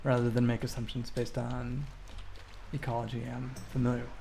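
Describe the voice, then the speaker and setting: While livestreaming a game, a man answers questions from chat in a soft, mellow, medium-pitched voice that is monotone and has noticeable vocal fry. He speaks reflectively and haltingly, working out his answers as he goes, with light background noise and keyboard typing.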